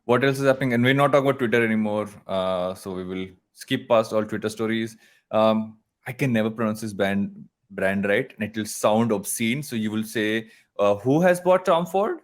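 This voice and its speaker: A man's voice: lowish voice, steady tone, normal speed. A man with a South Indian accent co-hosting a podcast, chatting casually about business news in a joking, hesitant way with repeated restarts. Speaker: podcast co-host.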